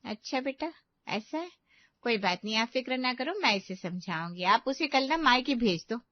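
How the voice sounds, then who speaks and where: A woman voicing a calm middle-aged mother in a cartoon, soothing and reassuring. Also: on the high side, normal speed, no room sound, highs cut off, lightly acted. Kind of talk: cartoon voice acting.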